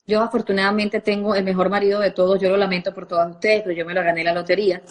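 Woman, parenting coach, talks to an audience, expressive, husky. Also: medium pitch, rapid-fire. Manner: expressive, addresses the audience directly. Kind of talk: live talk to an audience.

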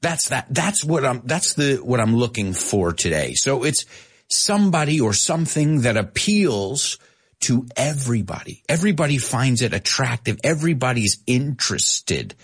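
A man hosting a lively radio show that teaches English, reading out listener messages and explaining phrases. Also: medium pitch, moderate pace, breathy edge. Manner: energetic, reads listener chat messages aloud and explains phrases.

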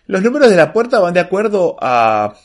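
Guy doing a soft hushed granny clerk, argentine accent, sweet and calm, swoopy. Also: sits high, normal speed, pitched above the performer's own voice. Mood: gentle. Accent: Argentine Spanish. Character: sweet serene grandmotherly old woman clerk.

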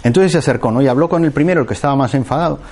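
A man's voice: medium pitch, racing, a little mellow, slightly rough. A man from giving a reflective talk, thinking aloud with fillers and restarts as he tells a short parable. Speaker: speaker giving a motivational talk.

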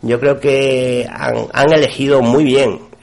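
A man hosting a casual radio interview, upbeat and laughing often as he fires off quick questions. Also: mid-range voice, level tone, gravelly.

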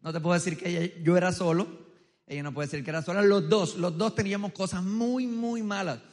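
A married male pastor with a loud, strong voice, preaching a humorous sermon, telling stories and quizzing the crowd. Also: high voice, fairly quick. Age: adult, married. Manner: joking, storytelling, quizzing the crowd. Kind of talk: humorous sermon with audience interaction. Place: large church hall with tiered seating. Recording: long reverb of a big hall.

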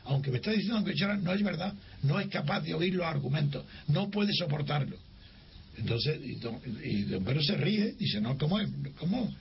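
With a gravelly, somewhat high voice at moderate speed, an older Spaniard tells an interviewer about a personal memory. He's an animated narrator who acts out what people said and keeps restarting. Faint hiss runs through the dull, lo-fi audio.

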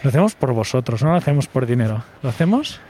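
A man's voice: medium pitch, sing-song, fast talker, dark tone, slight background noise. A man teasing his friend in casual chat while walking outdoors in a hot city square. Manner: joking, teasing banter.

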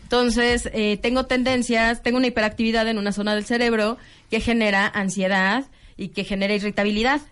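A woman's voice: on the high side, steady tone, a little fast, a bit bright, clean tone. A woman with a Mexican Spanish accent, speaking as a guest and candidly telling her own story, earnest and frank, with restarts and acted-out quotes. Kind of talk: candid conversational testimony.

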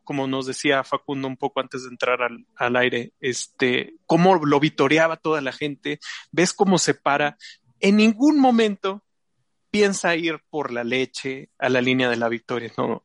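A man hosting a live racing show, talking excitedly and rambling with many fillers and restarts. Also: fairly high pitch, dry recording. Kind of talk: casual live show chat.

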